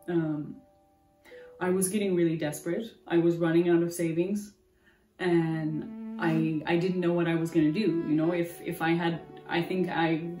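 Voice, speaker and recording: A young American woman in her twenties tells her story in a candid, rambling interview full of restarts. Her voice is on the low side and mellow. The roomy, distant mic also catches guitar music playing in the background.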